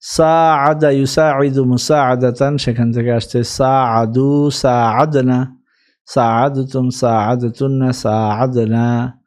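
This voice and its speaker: A man's voice: mid-range voice, steady tone, takes it slowly, a little mellow. A man teaching an Arabic grammar lesson, patiently drilling verb forms one by one.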